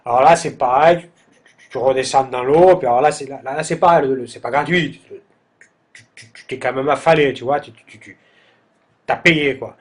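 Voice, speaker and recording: A man's voice: mid-range voice, moderate pace, pauses often. A man with a Marseille accent tells a humorous anecdote, stammering over repeated words and using coarse slang in a mocking, exasperated tone. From southern France. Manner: stammering word repetitions, coarse slang, addresses listener as tu. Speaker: comic storyteller.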